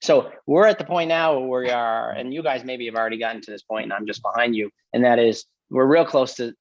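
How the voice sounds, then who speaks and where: A man who runs a shower door business, talking casually on a livestream panel and telling animated stories about customers. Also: fairly quick, dry recording, dull audio. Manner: animated storyteller, mimics customers in a high voice. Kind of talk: casual shop talk.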